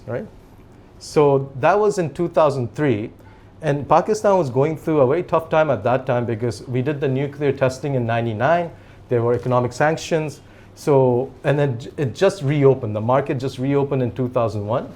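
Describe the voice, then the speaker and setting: With a mid-range, darkish voice, a man in his forties who grew up speaking Japanese talks as a company CEO in a relaxed podcast interview. He's a chatty, rambling storyteller who laughs lightly between phrases.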